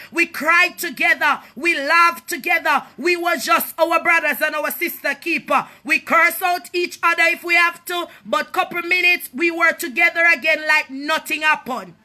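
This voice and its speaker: A woman prophetess giving a fervent personal testimony to an online audience, often raising her voice toward a shout and addressing listeners as people of God. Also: very high-pitched. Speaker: prophetess and apostle.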